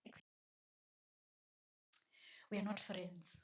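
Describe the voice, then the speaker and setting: A woman's voice: lowish voice, flat delivery, very slow. A Kenyan woman giving a storytelling talk to a live audience at a conference, switching between English and Swahili and teasing the crowd. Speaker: conference speaker. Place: conference venue.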